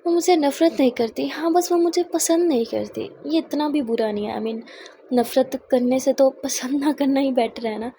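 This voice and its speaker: A woman's voice: high voice, normal speed, slight background noise. A woman doing a meek, apologetic young woman. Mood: soft. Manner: soft, apologetic, hesitant.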